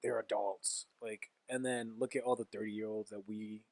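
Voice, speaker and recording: A man co-hosting a podcast in casual chat, playful and teasing and quick to laugh. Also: on the low side, flat delivery, creaky, a little mellow. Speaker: podcast co-host.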